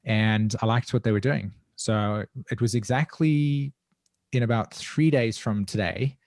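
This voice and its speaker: A man with a South African accent, a guest evolutionary astrologer, speaks in an interview in a reflective, earnest, introspective way, often searching for his words. His voice is on the low side, gravelly and a little mellow, and unhurried. The studio sound is clean with no echo.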